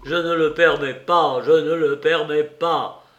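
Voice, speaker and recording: A feverish, defiant young student, as a male audiobook reader puts him on, throwing out clipped, indignant protests. The voice sits a little high and moves slowly. It rings in a roomy, echoey space. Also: steady tone, fairly bright tone, dull audio. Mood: shouting.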